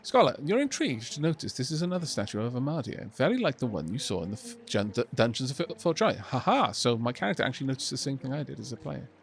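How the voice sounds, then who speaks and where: A man's voice: mid-range voice, big pitch swings, fast, gravelly, hardly any pauses. A man who streams games, chatting casually as he comments on his play. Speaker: game streamer.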